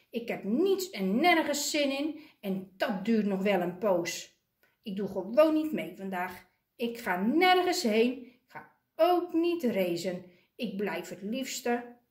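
A woman's voice: mid-range voice, big pitch swings, slow, darkish tone, roomy sound. A woman voicing a stubborn sulky young penguin. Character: grumpy young male penguin, sulking.

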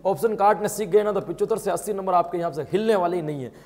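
A man teaching an exam coaching lesson, talking rapidly and emphatically, firing rhetorical questions and calling his students friends and brother. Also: high-pitched, a little mellow, big-room sound. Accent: Rajasthani Hindi. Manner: addresses viewers as friends and brother.

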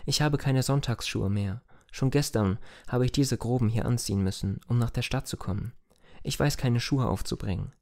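A man voicing a tender, lively young village girl in a raised, eager pleading tone. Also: medium pitch, moderate pace, creaky, natural voice. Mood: tearful.

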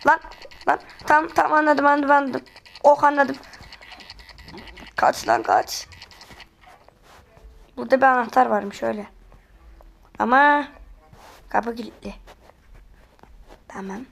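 High-pitched excitable woman gamer. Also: normal speed, gravelly, long pauses. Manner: excitable, pleading and exclaiming often. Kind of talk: let's-play commentary.

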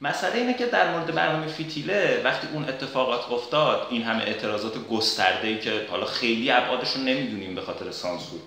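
A man giving an argumentative spoken commentary, pausing often with filler sounds as he builds his case. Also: mid-range voice, animated, sharp tone. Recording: very echoey room.

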